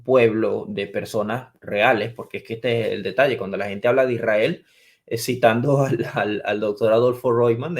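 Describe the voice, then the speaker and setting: A Venezuelan man in his twenties, speaking in a fairly low, slightly mellow voice, appears as a podcast guest. He teaches theology and answers interview questions in a lecturing way, defining terms step by step.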